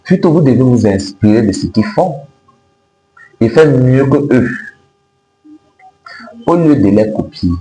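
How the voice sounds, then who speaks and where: Guy with in giving life advice, slow and mellow, echoey room w faint hum. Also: medium pitch, animated. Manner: emphatic, repetitive, didactic. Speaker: self-help video host. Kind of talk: motivational advice to camera. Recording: roomy echo with faint noise and hum.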